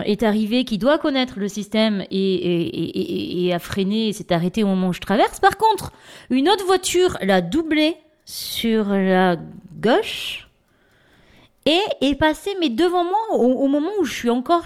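A woman's voice: fairly high pitch, moderate pace. A woman podcaster telling a personal anecdote in casual, chatty speech, talking straight to her listeners. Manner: chatty, expressive, addresses listeners directly.

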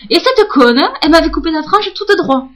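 A woman's voice: very high-pitched, lively intonation, brisk. A woman telling a casual story in a frank, profane, self-mocking monologue. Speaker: audio blogger. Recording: dull lo-fi audio.

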